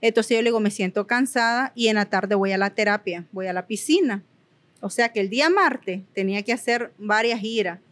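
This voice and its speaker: A woman's voice: mid-range voice, normal speed. A young woman giving earnest, emphatic personal testimony in an interview, repeating words for emphasis. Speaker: guest sharing her story.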